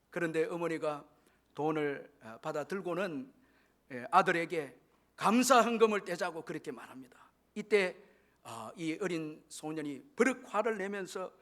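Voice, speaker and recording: High-pitched emphatic male preacher. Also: a bit bright. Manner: emphatic preaching with rising declarations. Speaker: pastor. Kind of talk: sermon.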